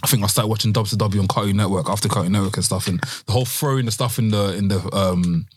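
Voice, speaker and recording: Young london roadman telling stories to mates, talks really fast, close dry sound, slangy. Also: lowish voice, fairly even intonation, slightly rough, no echo. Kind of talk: casual chat, storytelling.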